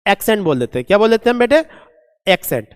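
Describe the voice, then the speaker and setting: A man teaching a vocabulary lesson, asking and answering his own questions and reading English examples out slowly. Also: sits high, very animated, clean tone. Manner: asks and answers his own questions, calls students "beta". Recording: long echoing reverb.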